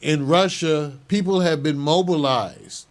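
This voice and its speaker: Older male host, news commentary, slightly high voice, measured and opinionated. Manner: measured, opinionated, chuckling now and then. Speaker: show host.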